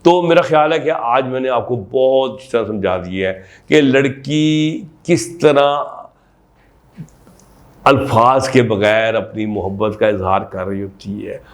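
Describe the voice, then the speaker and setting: Man, doctor explaining to camera, emphatic, rhetorical questions, mid-pitched voice. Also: a little slow. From Pakistan. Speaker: sexologist doctor.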